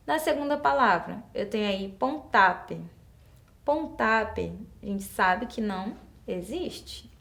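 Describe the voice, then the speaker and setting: A Brazilian woman teacher with a Brazilian Portuguese accent walks through exercises at a patient, even pace, breaking each one into small steps. She often poses a question to the class and answers it herself. Her voice sits at a middle pitch. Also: moderate pace, gravelly. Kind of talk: classroom lesson explaining exercises.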